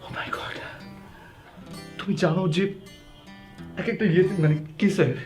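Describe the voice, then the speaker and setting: A fussy young husband terrified of germs. His voice sits a little high and pleads nervously, like a TV drama scene with music playing faintly underneath. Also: steady tone, unhurried. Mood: panicked. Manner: panicky, then softly pleading. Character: fussy germ-fearing young husband, anxious. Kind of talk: TV drama acting.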